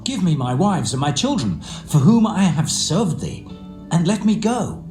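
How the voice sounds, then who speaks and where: An earnest, hard-working shepherd of scripture drama. His fairly high voice moves in lively swings as he declaims firmly. It echoes, with faint guitar music beneath. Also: measured pace. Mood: urgent, insistent. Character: Jacob, earnest hard-working male shepherd, firm and aggrieved. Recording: roomy echo, faint music behind.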